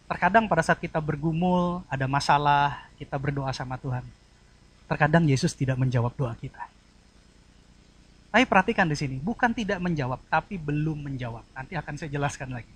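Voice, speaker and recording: A man preaching a sermon in an animated, conversational way, acting out tones of voice and checking that the congregation follows. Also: on the high side, husky. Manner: conversational, mixes colloquial asides into teaching.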